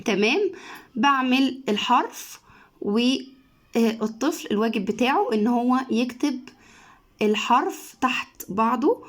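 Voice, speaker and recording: A woman's voice: fairly high pitch, expressive, measured pace. A woman with an Egyptian accent teaching letters to children, stretching and repeating each syllable. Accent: Egyptian Arabic. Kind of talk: reading lesson for children.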